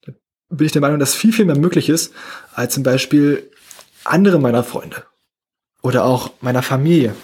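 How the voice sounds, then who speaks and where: A young man hosting a motivational solo podcast, talking fast and casually with slightly unclear, run-together speech. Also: mid-range voice, darkish tone, breathy edge. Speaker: podcast host.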